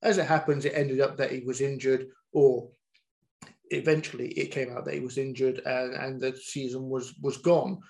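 A man co-hosting a podcast in casual chat, speaking in an animated way. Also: medium pitch, normal speed, vocal fry.

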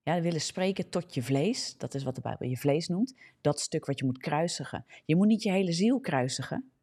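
A woman's voice: low voice, expressive, fairly quick, warm tone, slightly rough. A woman with a Dutch accent preaching in a live morning broadcast, fervent, often checking in with "ja?" and correcting herself. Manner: fervent, frequent checking "ja?", restarts and self-corrections. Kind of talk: preaching a live social media sermon.

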